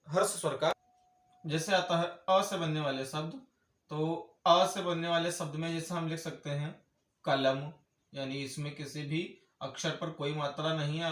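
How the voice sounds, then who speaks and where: A man's voice: a little high, a bit bright. Man teaching grammar in an echoey room. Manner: repeats definitions slowly, asks and answers his own questions. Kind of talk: explaining a grammar lesson.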